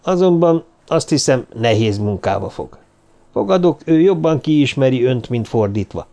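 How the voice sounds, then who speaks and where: A man's voice: medium pitch, animated, mellow, natural voice. A man reading the part of Stanford, a chatty and jovial young acquaintance, in an audiobook. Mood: friendly.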